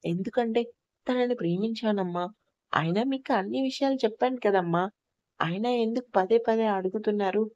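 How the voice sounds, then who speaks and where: Young bride, tearful and cross, indignant complaints; audio story, read by a woman; mellow, slightly muffled recording. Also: medium pitch, moderate pace, dry recording, natural voice.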